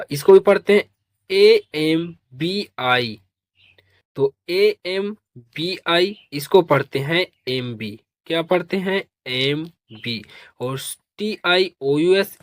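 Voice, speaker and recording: A woman teaching English pronunciation, spelling out letters slowly, asking questions and repeating the answers. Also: low-pitched, no echo, clean studio sound.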